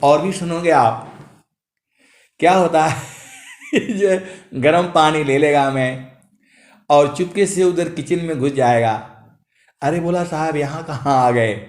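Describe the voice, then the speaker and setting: A man in his late fifties, a spiritual preacher telling anecdotes with a chuckle and chanting couplets in a long, drawn-out tune. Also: a little high. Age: late 50s. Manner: drawn-out sung recitation of couplets between anecdotes; chuckles while telling stories. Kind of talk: storytelling sermon with chanted verses. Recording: echoey room.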